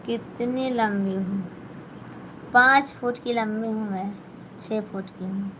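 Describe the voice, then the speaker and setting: A woman with a slightly high voice and an Awadhi-flavoured Hindi accent hosts a live stream from her home. She speaks slowly, reading out her viewers' comments and replying to each in a relaxed, chatty way. She is recorded on a phone, with faint household noise in the background. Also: low-quality recording. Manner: reads out viewer comments and answers them chattily. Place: at home, sitting and sewing.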